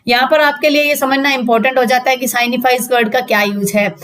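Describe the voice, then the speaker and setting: Woman law tutor, high-pitched, patient step-by-step explainer who quizzes her class. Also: steady tone, a little fast, fairly bright tone. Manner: explains step by step, repeats questions and answers to students. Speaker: law teacher. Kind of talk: spoken lecture reading out legal text.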